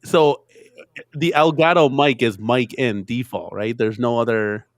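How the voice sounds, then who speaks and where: Male streamer, mid-pitched, voice gurgling as if underwater through a bad mic, dry close sound. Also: unhurried, dry recording. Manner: testing his mic and apologizing. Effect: garbled underwater-sounding mic. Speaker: guest streamer. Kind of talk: casual livestream chat.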